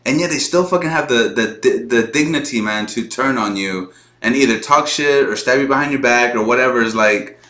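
A man hosting a music reaction video, talking casually and excitedly, swearing freely and laughing often. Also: mid-range voice, a little fast, reverberant.

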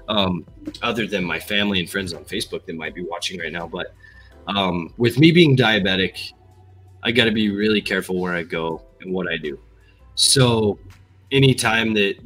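On a headset mic, a young man hosts a casual livestream from a gaming chair in an indoor room, chatting and reading viewer comments aloud. His voice is low-pitched, husky, and a bit bright.

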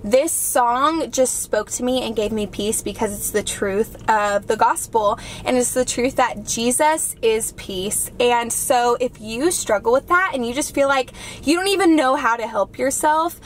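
A young woman in her twenties talks into a dashboard camera from inside a car, gushing and heartfelt, peppering her sentences with "like". Her voice sits a little high, with a faint hum of background noise behind her. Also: unhurried, hardly any pauses. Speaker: vlogger. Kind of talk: casual chat.

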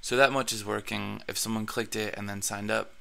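A man hosting a screen-recorded blogging tutorial, his voice raspy from allergies, talking casually with plenty of fillers and restarts. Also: lowish voice, level tone, fairly quick, pushed and bright.

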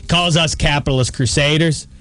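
This man co-hosts a comedy talk radio show from the studio. He rants in mock outrage and hurls insults, his voice sitting a little high. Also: steady tone, moderate pace, sharp tone. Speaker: co-host. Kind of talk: comic talk radio rant.

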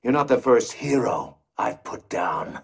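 An actor playing an arrogant older crime villain in a video game, gravelly, theatrical, taunting and condescending. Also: male voice, medium pitch, expressive, unhurried, full character voice.

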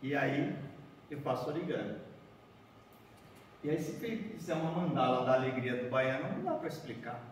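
A man in his forties from Bahia, Brazil, addresses a seated group in a large conference room about origami, strolling, folding paper, and chattily checking in with "né?" and "certo?". His mid-range voice is expressive and moderately paced, with frequent pauses. Heard from afar via a room camera with no mic visible, the echoey hall carries a slight hiss or hum.

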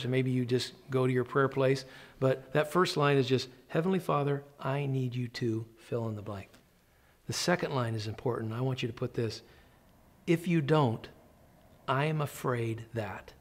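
A middle-aged man delivering a sermon from a desk, speaking earnestly and plainly, as if talking to a single listener. His voice sits at an ordinary pitch for a man. He slows down and leans on the phrases that matter most. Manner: earnest, conversational preaching with slow emphatic pauses. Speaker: pastor. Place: indoor church office set.

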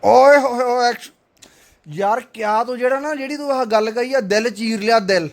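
A man hosting a prank video, teasing and coaxing his friend in comic banter. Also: normal speed. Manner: teasing, wheedling, switches between loud coaxing and low confiding tones.

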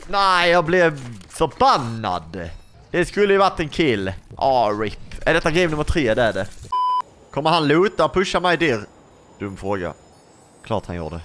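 A man's voice: mid-range voice, sing-song, a little hiss or hum. A young man giving casual gameplay commentary as a YouTuber, chatty and playful, often asking his viewers questions. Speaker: gaming YouTuber.

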